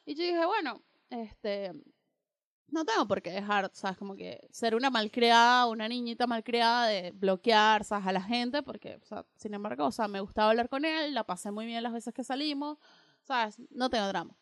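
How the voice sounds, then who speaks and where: A young woman co-hosting a radio show casually tells a personal story, animatedly acting out both sides of the conversation. Her pitch is fairly high and her pace moderate, with no echo in the recording.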